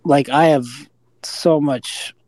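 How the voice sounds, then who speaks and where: A man sharing his views on a recovery podcast in a reflective, hesitant, casual way with frequent pauses. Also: a little high, steady tone, darkish tone, no echo, poor audio. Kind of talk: casual sharing in group talk.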